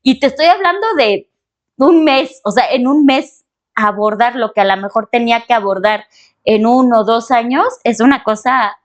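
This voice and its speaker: Animated, high-voiced Mexican woman guest. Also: moderate pace, dull audio. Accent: Mexican Spanish. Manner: expressive and emphatic, with exclamations and repetitions. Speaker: guest, spiritual channeler and holistic therapist. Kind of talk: animated podcast interview.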